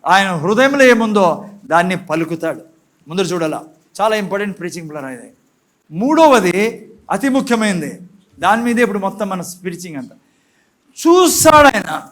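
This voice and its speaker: A pastor with a Telugu accent preaches to his church in a strikingly high voice. He keeps firing questions at the congregation and then answers them himself. Now and then he breaks into a loud, emphatic shout. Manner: mixes English phrases into his preaching. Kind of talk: sermon.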